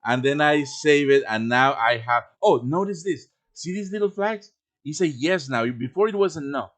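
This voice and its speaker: A man with a fairly high, fairly bright voice and lively intonation leads a casual live software tutorial on a voice-chat stream. At a moderate pace, he reasons aloud through the steps as he improvises.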